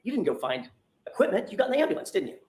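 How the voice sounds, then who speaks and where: In an echoey courtroom recording with faint noise, a male defense attorney fires pointed, insistent questions at a witness during cross-examination. His voice sits high and is a little mellow, and he is very animated and rapid-fire.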